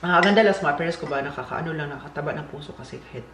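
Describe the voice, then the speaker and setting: This man from the Philippines speaks in a racing, fairly high voice with a Filipino accent. It's a joking, casual vlog chat full of tangents, recorded in an echoey space with light background hiss.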